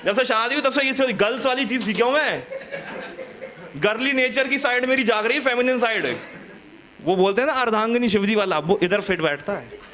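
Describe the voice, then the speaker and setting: A man's voice: very high voice, brisk, sharp tone. A young man from India doing a stand-up comedy set, chatty and teasing the audience, acting out school stories. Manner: chatty, teasing the audience, acts out classroom scenes.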